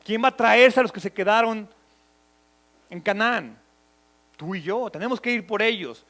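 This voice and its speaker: A man preaching an earnest sermon and reading from Scripture, often letting his phrases fall soft and low. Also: normal speed.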